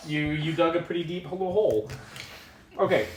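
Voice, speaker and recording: A man's voice: a little high, animated, a little fast. A man running a tabletop game as game master, narrating in a loose, rambling way with lots of fillers. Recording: echoey room with faint noise.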